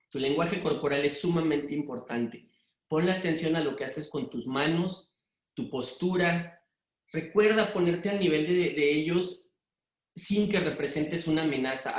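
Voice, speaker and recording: Middle-aged Mexican man with a Monterrey-influenced accent, hurried and direct, running a parenting workshop in a roomy, echoing space. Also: a little high, fairly bright tone. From Mexico City. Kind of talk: live workshop talk to parents. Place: room with an audience.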